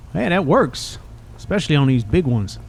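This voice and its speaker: A man's voice: fairly high pitch, sing-song, unhurried, vocal fry, darkish tone, a little hiss or hum, heavily acted. A man voicing a cheeky, chatty old rusty robot in a game, with a folksy drawl and teasing manner. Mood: boastful, amused. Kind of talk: video game character dialogue.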